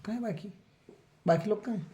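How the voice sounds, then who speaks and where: A fast-talking man with a high-pitched, warm voice gives a school science lecture in class. He counts aloud, quizzes students, and keeps confirming they've understood.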